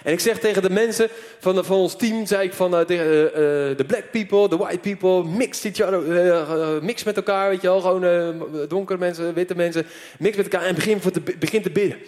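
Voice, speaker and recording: A man preacher telling a story in an animated sermon, full of fillers, before a church audience. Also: high voice, a little fast. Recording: long hall reverb.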